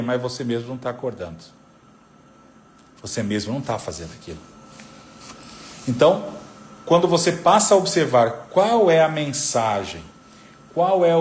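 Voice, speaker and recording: A man's voice: medium pitch, slight background noise. A man, a psychoanalyst, giving a live talk on parenting, teaching by repeating the key figures. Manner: didactic, repeats figures, lively intonation.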